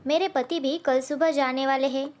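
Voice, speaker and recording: A woman voicing a gentle, polite little female sparrow in a cartoon story. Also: sits high, steady tone, moderate pace, natural voice.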